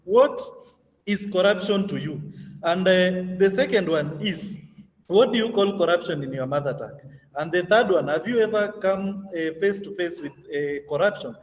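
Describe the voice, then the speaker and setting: Recorded in a large hall on a distant mic with poor audio, a high-voiced man speaks at normal speed. He's moderating an online youth training session, talking in a conversational way with lots of fillers and easy laughter.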